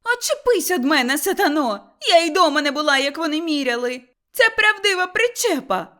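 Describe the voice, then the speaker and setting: A woman's voice: high-pitched, huge pitch swings, takes it slowly, bright, forceful tone, pitched above the performer's own voice, heavily acted. A woman voicing an indignant older peasant mother-in-law who shrieks her complaints. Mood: indignant shrieking.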